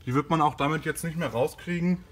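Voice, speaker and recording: Working inside and beside a car in a garage, a car care host gives a casual product demonstration. His voice is on the high side and fast, and he's informal and a little hesitant as he goes.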